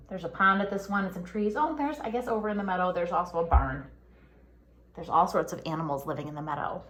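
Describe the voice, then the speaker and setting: Speaking with a lowish voice, a woman shares a picture book with small children. Her reading is singsong and full of expression, punctuated by pre-K-teacher-style questions.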